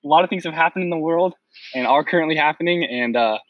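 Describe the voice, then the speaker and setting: A man's voice: fairly high pitch, fast, dry recording, dull audio. A man co-hosting a casual podcast, easygoing and blunt in his opinions, laughing often. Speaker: podcast co-host. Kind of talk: casual chat.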